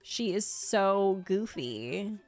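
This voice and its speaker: A video host and streamer speaks extremely slowly in an animated, slightly mellow mid-range voice, with faint music behind her. Going through a ranking, she giggles casually and reacts with gushing enthusiasm.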